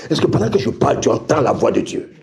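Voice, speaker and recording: Preaching with fervor, a middle-aged man calls out to his congregation for call-and-response, repeating phrases as he moves from low asides to high, shouted refrains. His voice is gravelly and very animated, and he speaks at a quick pace.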